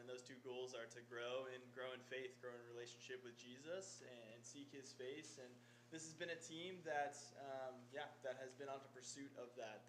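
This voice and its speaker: A man speaking as a college running coach at a council meeting, earnest and faith-focused, pausing often with fillers. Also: mid-range voice, a bit bright. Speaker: cross country coach. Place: council chambers. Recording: echoey room with faint noise.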